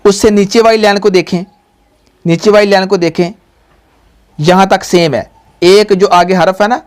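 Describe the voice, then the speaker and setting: A woman teaching the Quran patiently guides a pupil through recitation, stretching out each syllable and having it repeated back. Her voice is on the low side and a little mellow.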